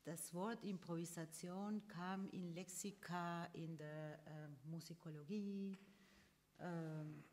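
Argentine woman, lowish voice, reverberant hall. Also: steady tone, slow, a little mellow. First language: Spanish. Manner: hesitant, many fillers. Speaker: guest sociologist. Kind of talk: live interview answers. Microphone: stand mic. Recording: long room reverb.

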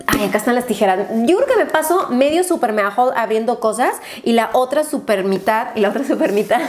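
A woman's voice: a little high, slight background noise. A woman, a beauty YouTuber talking chattily and gushing through a casual unboxing haul, dropping English exclamations.

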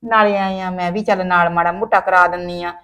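A woman's voice: lowish voice, fairly even intonation, a little fast, pushed and bright, clean tone. An actress playing a caring older mother who visits her married daughter, talking in a homely, advising way full of sayings, with a Punjabi accent. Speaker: actor. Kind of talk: village short-film acting.

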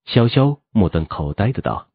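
A man narrating a fantasy novel as an audiobook, in an animated storytelling manner. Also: on the low side, normal speed, gravelly, slightly rough, no room sound, dull audio.

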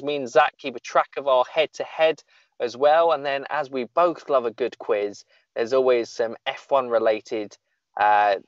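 Joking British-style podcast host, dull lo-fi sound. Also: male voice, medium pitch, no room sound. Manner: joking, rambling, self-deprecating. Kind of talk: casual podcast chat.

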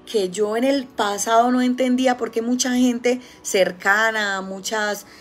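A woman with a Colombian accent giving a casual spiritual talk, telling stories with lively, acted-out quotes. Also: on the high side, measured pace, faint music behind. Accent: Colombian Spanish. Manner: animated storytelling, acting out quoted voices. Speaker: spiritual healer.

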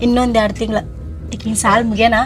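A middle-aged woman playing a quick, irritable village mother with a North Karnataka Kannada accent. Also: fairly high pitch, level tone, faint music behind, lightly acted. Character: sharp-tongued village mother.

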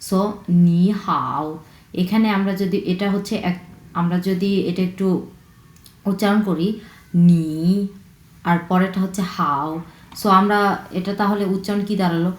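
A woman from China teaching a language lesson, patiently repeating words slowly to drill pronunciation. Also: mid-range voice, steady tone. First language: Chinese. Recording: echoey room.

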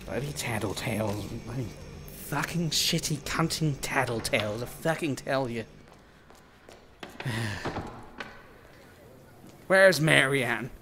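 A man's voice: mid-range voice, expressive, slow pace, long pauses, noisy background. A man streaming a game live, swearing freely and teasing in a playful, mock-theatrical way. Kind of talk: live gaming stream commentary.

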